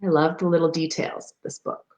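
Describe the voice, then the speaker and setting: This storybook reader for a parks program has a deep voice with little pitch movement and a brisk delivery, yet she reads a children's picture book aloud expressively, adding chatty asides to her young audience. The recording is roomy and echoing, with slight background noise.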